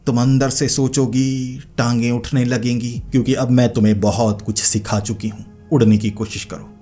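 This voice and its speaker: A man's voice: medium pitch, level tone, normal speed, warm tone, faint music behind, natural voice. A man voicing a stern, proud old female witch leader who scolds and commands.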